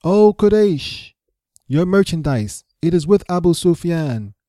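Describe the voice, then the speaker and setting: A man shouting as a frantic desert messenger. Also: fairly high pitch, lively intonation, unhurried, no echo, studio quality, voice pushed up. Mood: frantic alarm. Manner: shouting, desperate pleading. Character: frantic male desert messenger crying alarm.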